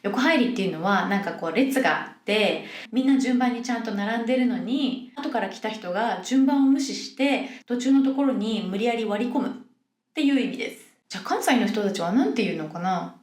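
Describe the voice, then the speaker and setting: A woman's voice: fairly high pitch, animated, brisk. A young woman from Yokohama hosts a podcast for Japanese learners, explaining things in a friendly way and acting out example phrases. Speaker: podcast host teaching Japanese. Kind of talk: casual podcast monologue. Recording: roomy echo.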